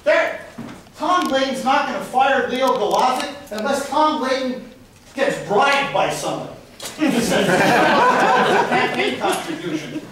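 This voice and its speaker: In a large indoor council chamber, a middle-aged citizen loudly vents at the city council, accusatory and insulting. His voice is very high and extremely animated, yet his pace is slow. The recording comes from a handheld camera well back in the audience, so it sounds echoey, with slight noise.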